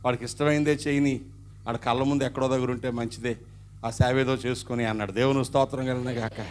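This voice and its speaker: A middle-aged man, preaching a sermon as a pastor and telling his own story. He swings from loud passages to hushed ones. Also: mid-range voice, steady tone, fast, a little hiss or hum. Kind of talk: sermon with personal testimony.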